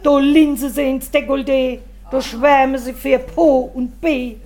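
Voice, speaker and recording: Slow wry high-voiced woman rhyming. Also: steady tone, darkish tone. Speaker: comedian. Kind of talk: rhymed comic monologue about her husband.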